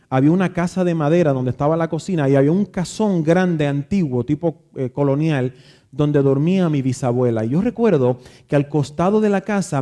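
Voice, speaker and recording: A man's voice: a little high, dark tone. A man, a pastor telling a reflective childhood story in a sermon, often restarting his words. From Dominican Republic.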